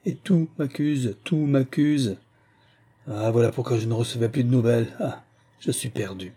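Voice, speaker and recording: A man's voice: medium pitch, moderate pace, mellow, slightly rough. A man doing a distraught accused bank clerk. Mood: indignant.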